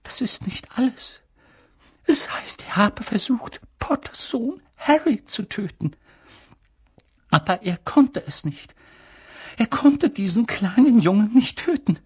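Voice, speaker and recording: A reader voicing a stern older female professor, speaking high, strained and urgent in an audiobook. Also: very animated, measured pace, husky, full character voice. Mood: shaken. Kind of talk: audiobook character reading.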